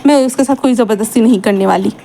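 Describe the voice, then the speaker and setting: A woman's voice: on the high side, fast, mellow, a little hiss or hum, lightly acted. A woman voicing a haughty, scheming older woman who speaks with cold scorn, read out within a fan-fiction story. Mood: cool.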